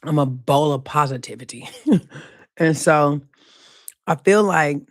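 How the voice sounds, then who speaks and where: A woman hosting her own podcast, talking casually and loosely about faith, slowing down to repeat her key points with emphasis. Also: deep voice, no echo, studio quality. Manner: slow emphatic repetition of key phrases, casual and profane. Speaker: podcast host. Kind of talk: casual faith-themed monologue.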